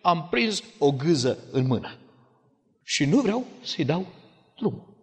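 A tearful little boy whimpering in a high voice, put on by a preacher mid-sermon. The lines ring through a hall with a long, lingering reverb. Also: very animated. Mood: sobbing. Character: crying little boy stuck in a jar.

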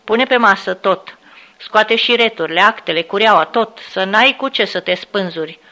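A woman voicing a brutal, cursing male security officer who snarls and shouts insults. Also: medium pitch, natural voice. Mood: snarling.

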